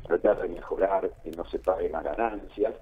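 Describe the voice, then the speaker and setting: A man's voice: low-pitched, moderate pace, slightly rough. A man with an Argentine accent giving political analysis in a radio interview, repeating phrases for emphasis. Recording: narrow phone-like line, muffled.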